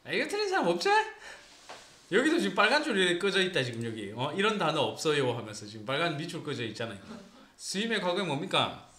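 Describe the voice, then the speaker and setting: Sing-song and fast, his slightly high voice sounds pushed and bright. This English teacher with a Gyeongsang Korean accent teaches a small class grammar, quizzing and teasing students as he goes, and the classroom echoes roomily.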